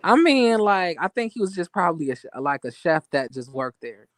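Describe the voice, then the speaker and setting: A man's voice: sits high, sing-song, a little fast, no room sound. Guy in his 20s chatting gossip, keeps restarting his sentences, dry sound. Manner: curious, hesitant, full of restarts. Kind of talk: casual gossip chat.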